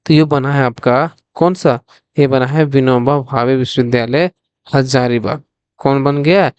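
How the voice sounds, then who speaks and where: A man's voice: medium pitch, unhurried, a little mellow, clean tone, dry recording, dull audio. A male coaching teacher giving a quiz-style revision lesson, repeating each question to the viewers before answering it himself. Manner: asks the viewers directly, then answers himself.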